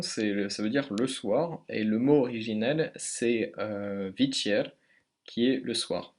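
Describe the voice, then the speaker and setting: A man's voice: medium pitch, darkish tone. Hesitant French man explaining a tutorial. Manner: hesitant, many fillers and self-corrections. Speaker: language tutor. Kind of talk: casual screen-recorded tutorial.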